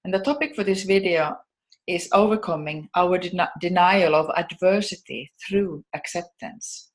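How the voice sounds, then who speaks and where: A woman from Finland, calmly introducing a video series and its topic. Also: lowish voice. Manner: calm and measured, introducing topics. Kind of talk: scripted introduction.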